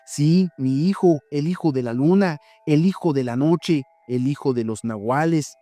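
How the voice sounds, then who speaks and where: A man voicing a slow, commanding wolf-beast. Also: fairly high pitch, warm tone, no echo, natural voice. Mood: menacing. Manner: slow, deliberate, domineering. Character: huge dark male wolf-beast, commanding and menacing.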